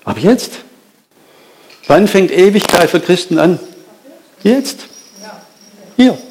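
A man preaching a sermon, lively and emphatic, asking rhetorical questions and speaking directly to his listeners. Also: high voice, slow, slight background noise.

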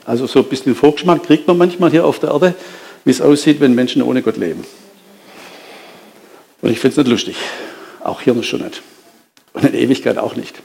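A man preaching a sermon, lively and emphatic, asking rhetorical questions and speaking directly to his listeners. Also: mid-range voice, brisk, creaky, pauses often.

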